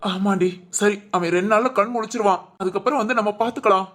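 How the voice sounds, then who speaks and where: A woman's voice: mid-range voice, quick pace, a bit bright, lightly acted. A woman voicing a loyal young male friend in a Tamil cartoon drama, soothing and reassuring.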